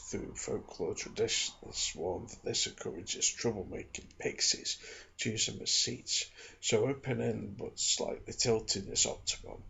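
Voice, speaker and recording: A man reads softly and chats informally for ASMR, his fairly low voice very creaky with a husky, breath-worn texture. He creates ASMR videos and reads books, and the recording sounds slightly dull.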